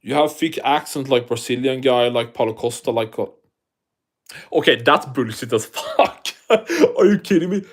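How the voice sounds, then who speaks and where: Hosting a casual livestream, a man with a heavy non-native accent rambles and swears while answering viewer comments, often restarting his sentences. His pitch is medium, his intonation lively, and his speed normal.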